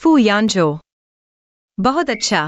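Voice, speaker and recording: A sharp-tongued young wife. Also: female voice, mid-range voice, sing-song, slow pace, highs cut off. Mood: dismayed. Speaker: dubbed drama heroine. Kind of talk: Hindi drama dub.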